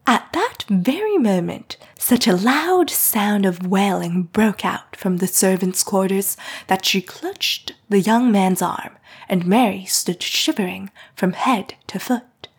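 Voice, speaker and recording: A woman narrating a classic novel in a soft, hushed reading voice. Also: mid-range voice, takes it slowly, husky. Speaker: audiobook narrator.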